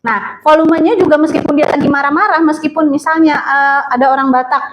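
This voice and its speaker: A high-voiced woman leads a classroom lesson on phone manners. She talks in a loose, chatty way, full of fillers, and keeps asking her students questions. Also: fairly even intonation, fast, poor audio. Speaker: teacher.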